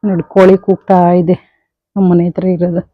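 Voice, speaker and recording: A young woman vlogs from her home kitchen, chatting straight to viewers as she cooks and does chores. Her voice is on the low side with little pitch movement, she speaks briskly, and the sound is phone quality.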